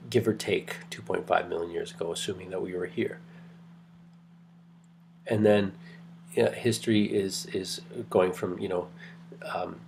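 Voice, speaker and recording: Male lecturer, deep and gravelly, talking in a low, chatty way over faint noise. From Greece heritage. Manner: rambling, conversational, many fillers and restarts; kept quiet, late at night. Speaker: anthropology lecturer. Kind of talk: recorded online lecture. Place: home at night.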